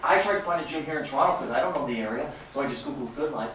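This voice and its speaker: A man's voice: mid-range voice, rapid-fire, far from the mic, a little hiss or hum. Brash male stand-up in a roomy club. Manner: brash, crude, animated storytelling. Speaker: stand-up comedian. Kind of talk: stand-up comedy set. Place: comedy club stage before a live audience. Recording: roomy club sound from off-mic, loud crowd laughter.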